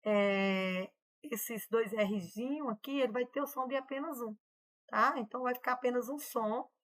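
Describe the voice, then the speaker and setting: A patient woman teacher explains a lesson step by step, pointing at examples on her slides. Her voice sits a little high for a woman. She keeps checking in with her students as she goes. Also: measured pace.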